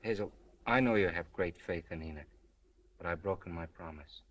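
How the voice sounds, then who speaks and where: An actor playing an earnest, smitten newspaperman, halting and tender, in 1930s screwball comedy film banter. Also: sits low, fairly bright tone. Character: earnest, smitten newspaperman, awkwardly gentle and solemn.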